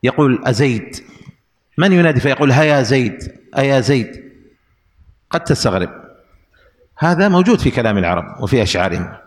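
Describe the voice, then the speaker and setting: A man teaching Arabic grammar in a recorded lesson, spelling out the rules slowly and repeating each example with care. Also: mid-range voice, animated, long reverb tail.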